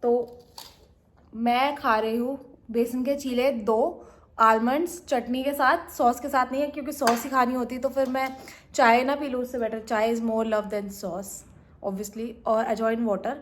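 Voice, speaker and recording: A woman's voice: fairly high pitch, fairly even intonation, a little hiss or hum. Chatty young Indian woman vlogging. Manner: chatty, quick, hurried. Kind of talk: casual vlog chat in Hindi-English mix.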